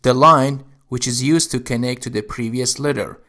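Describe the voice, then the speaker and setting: A man's voice: mid-range voice, steady tone, normal speed, bright, forceful tone. A man teaching Arabic letters, explaining how to write each one step by step. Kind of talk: instructional narration.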